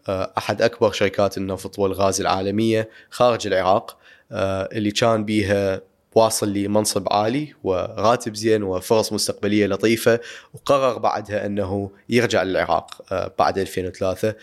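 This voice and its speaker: A man with an Iraqi Arabic accent, hosting a podcast and reading a brisk introduction with frequent filler sounds. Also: fairly low pitch. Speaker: podcast host. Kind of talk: scripted introduction.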